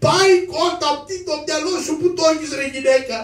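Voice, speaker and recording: A man voicing Karagiozis, the poor, hot-tempered hero of a shadow puppet play, scolding loudly in fast bursts. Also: extremely high pitch, far from the mic. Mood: scolding, frantic. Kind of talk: Greek shadow puppet theatre. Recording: roomy live stage from afar.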